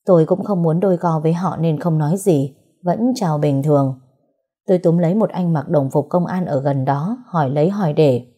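Người đọc nữ, giọng thấp, khàn hơi thở, kể chuyện tâm tình chậm rãi. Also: female voice, low-pitched, moderate pace, warm tone, husky. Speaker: storyteller. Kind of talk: first-person story narration.

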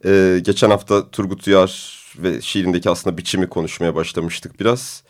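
A man hosting a radio discussion program, with a deep, booming voice and a relaxed, hesitant delivery full of fillers. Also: normal speed. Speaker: radio show host.

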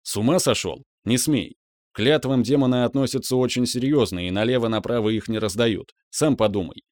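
A man's voice: mid-range voice, a little fast, a little mellow, dry recording, studio quality, lightly acted. A man voicing a stern, commanding older mentor, a veteran mage, in an audiobook. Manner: commanding, matter-of-fact.

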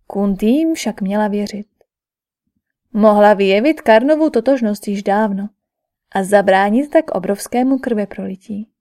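Mellow-voiced woman narrating an audiobook. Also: mid-range voice.

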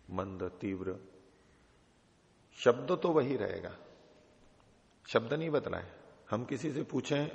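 A middle-aged man with a lowish, gravelly voice teaches philosophy texts, lecturing on an old text in an ashram's teaching hall. He explains patiently, repeating examples, and the hall recording sounds dull and reverberant.

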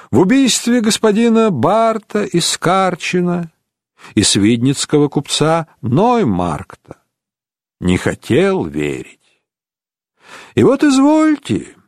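A man's voice: a little high, a little mellow, no echo, clean studio sound. A man voicing a haughty, mocking prince in an audiobook, drawling and sneering. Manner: languid, sneering.

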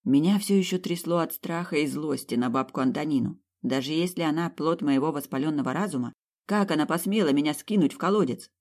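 A woman's voice: low voice, a little fast. Wry woman narrating comic fantasy. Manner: wry, sarcastic, lively. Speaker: audiobook narrator.

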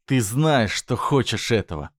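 A man voicing a menacing, possessive man who speaks slowly in a low, threatening tone. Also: sing-song, dry recording, studio quality. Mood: predatory. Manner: slow, low, threatening delivery.

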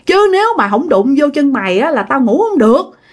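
A man's voice: high-pitched, lively intonation, moderate pace, mellow, husky, heavily acted. A woman voicing a frightened man pleading to share a bed, begging.

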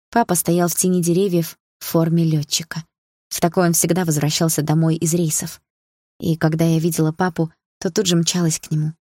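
A woman narrating an audiobook, fairly low and husky, with a measured, even delivery. The sound is dry and close. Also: dry recording. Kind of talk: scripted narration.

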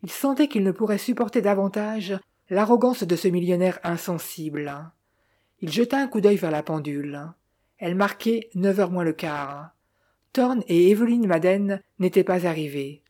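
A woman narrating a novel in a steady, measured way. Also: fairly low pitch. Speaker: audiobook narrator. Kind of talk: scripted narration.

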